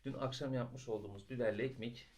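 A man filming a casual cooking vlog in his home kitchen, talking in a playful, excitable way. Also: mid-range voice, fast. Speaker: cooking vlogger.

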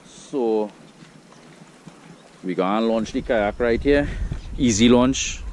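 A man's voice: mid-range voice, slow, darkish tone, slight background noise. A Trinidadian man with an easygoing, chatty manner, vlogging outdoors from a kayak on open water. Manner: easygoing, chatty, loose Caribbean patois. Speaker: fishing vlogger. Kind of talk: casual outdoor vlog.

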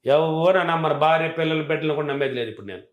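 A man's voice: fairly high pitch, racing, reverberant, highs cut off. A man teaching self-help affirmations, answering interview questions in a self-assured, emphatic and repetitive way.

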